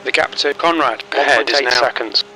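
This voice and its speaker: A man voicing an automated race spotter who gives short, clipped radio calls about gaps and traffic in an even, businesslike way. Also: medium pitch, brisk, poor audio. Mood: terse.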